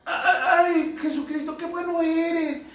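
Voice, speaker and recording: Male preacher doing a high whimpering demon, fawning and sly, echoey room from a distance. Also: steady tone, slow. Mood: wheedling. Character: whiny flattering male demon, pleading and deceitful.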